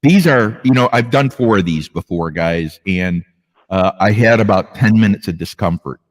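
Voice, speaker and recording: Low-voiced man chatting on a live stream. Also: moderate pace, in a large hall. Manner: rambling, thanks viewers by name. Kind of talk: casual live stream chat.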